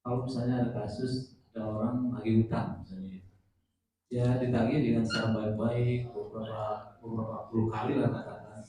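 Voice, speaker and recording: A man's voice: mid-range voice, flat delivery, moderate pace, a crowd in the background. A man in the congregation, polite and a bit hesitant, asking the preacher questions. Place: prayer room. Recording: distant, roomy, with background noise.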